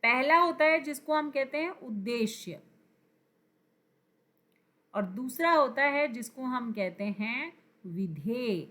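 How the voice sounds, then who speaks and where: A woman teacher explaining grammar for exam prep at a deliberately slow pace. Her voice sits a little high and rings bright. She repeats the key words and keeps quizzing her viewers. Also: expressive. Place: teaching at a screen.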